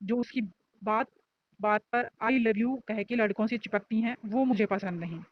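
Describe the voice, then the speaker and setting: A woman's voice: on the high side, normal speed, dry recording, dull audio, natural voice. A woman voicing a shy, lovestruck young male student who talks earnestly and defensively.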